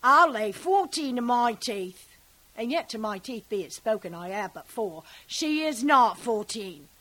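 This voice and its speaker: A woman's voice: on the high side, lively intonation, a little slow, sharp tone, full character voice, poor audio. A woman performing a classical stage monologue as a garrulous, fond old nurse who rambles and digresses. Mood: rambling. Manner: rambling, digressive, breaks into laughter.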